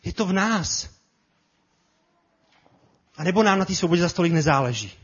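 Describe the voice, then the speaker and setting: A man preaching a sermon with passion, often repeating his words and building to loud cries. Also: high voice, animated, slightly rough, lo-fi sound. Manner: impassioned, repetitive, builds to shouts.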